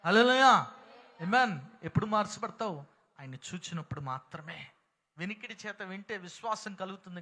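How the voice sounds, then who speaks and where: Bright-voiced preacher man, Telugu accent. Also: high-pitched. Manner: emphatic, calls out to congregation for responses. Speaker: pastor. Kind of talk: sermon. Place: prayer hall.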